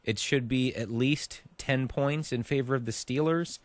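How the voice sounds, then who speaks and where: A man's voice: medium pitch, unhurried, dry recording. A man co-hosting a casual sports podcast, calling picks in a confident, matter-of-fact way. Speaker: podcast co-host.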